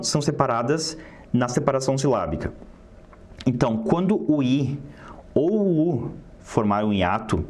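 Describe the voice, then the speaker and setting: A man's voice: medium pitch, a little mellow. A man teaching an online grammar lesson, explaining step by step and often checking in with "tá?".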